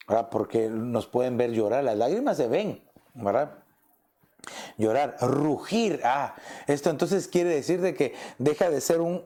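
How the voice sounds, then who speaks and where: A pastor with a high but dark-toned voice preaches a conversational sermon, often tossing in rhetorical questions and adding "¿verdad?".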